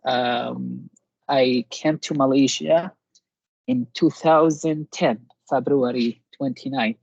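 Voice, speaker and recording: A man from Iraq speaks with a gravelly edge, pausing often on fillers as he answers questions. The sound is dull and dry, with little room around it. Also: mid-range voice, steady tone, a little mellow, dry recording. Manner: hesitant, many filler pauses. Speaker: interviewee. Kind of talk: casual interview answers.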